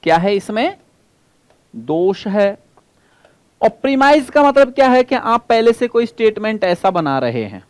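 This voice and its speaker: A man teaching an exam-prep class, going over points more than once, putting questions to the students and slowly stretching out the key terms. His voice is high with wide swings in pitch, and the recording has no room sound.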